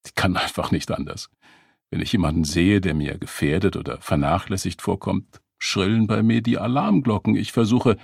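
Man as a smug controlling date, preachy, cold reproach, husky low voice. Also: normal speed, a little mellow, no room sound, studio quality, heavily acted. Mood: earnest.

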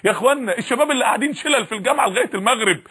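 A man's voice: very high voice, expressive, rapid-fire, pushed and bright, slightly rough. A man with an Egyptian accent preaching a sermon, fiery and full of repeated rhetorical questions.

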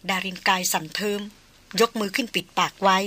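Female novel narrator, bright and clear, steady measured reading. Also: mid-range voice. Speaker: audiobook narrator.

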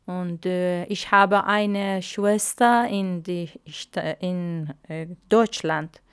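A woman, whose first languages are Arabic and Persian, answers radio interview questions in a very slow, halting way. Her voice is somewhat low, smooth and clear. The recording is dry and close. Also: steady tone, dry recording. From Iran. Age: 50s. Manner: halting, hesitant learner's speech with many fillers. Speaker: interview guest.

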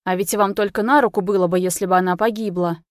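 A woman voicing an agitated young man confronting his parents in a loud, accusing manner, in a read-aloud story. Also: medium pitch, fairly even intonation, fast, dry recording, studio quality, close to an everyday voice. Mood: shouting angrily. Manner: heated, accusing, often shouting.

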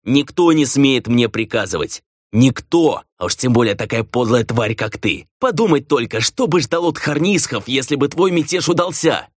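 A man's voice: mid-range voice, lively intonation, moderate pace, no room sound, studio quality, pitched above the performer's own voice, close to an everyday voice. A man reading an audiobook voices an arrogant, scornful male vampire clan lord. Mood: raging. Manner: scornful, domineering, shouting at times. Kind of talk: audiobook character voice.

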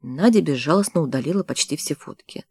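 An audiobook narrator reading a novel in a steady storytelling manner on a close studio mic. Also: medium pitch, a little fast, husky, no room sound. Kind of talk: scripted narration.

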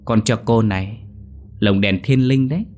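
A man voicing a crazed village girl who giggles and coaxes in a high, eerie voice. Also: normal speed, darkish tone, slight background noise, lightly acted. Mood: eerie giggly. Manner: high giggling, sing-song offers.

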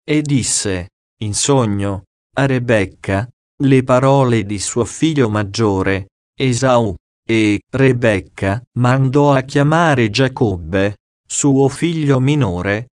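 A man narrates an ancient religious text at an unhurried, deliberate pace. His voice sits at a mid pitch and stays solemn and measured throughout. The recording is dry and close, with no room sound. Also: a little mellow, dry recording. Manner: slow, solemn, measured delivery. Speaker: audiobook reader. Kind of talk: scripted scripture reading.

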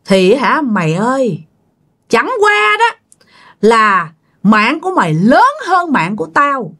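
A woman's voice: fairly high pitch, big pitch swings, slow, bright, forceful tone, full character voice. A woman voicing a furious, vengeful female ghost, shrilly hurling accusations at the family that wronged her. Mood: menacing.

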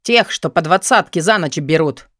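A man voicing a pushy, crude, excitable young man in an audiobook, raising his voice and pitch to badger a friend. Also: normal speed, no echo, studio quality. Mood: excited, pushy. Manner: eager, crude, insistent.

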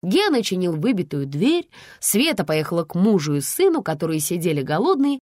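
A woman narrating a story aloud in an expressive storytelling style. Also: fairly low pitch, brisk, dry recording, clean studio sound. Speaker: audiobook narrator.

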